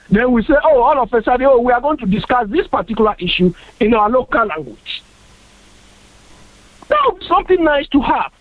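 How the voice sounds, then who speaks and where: On a radio panel, a Ghanaian guest makes his point with earnest emphasis, frequently saying things again. He has a very high voice, and the audio is dry with a tinny, phone-like radio quality and no echo.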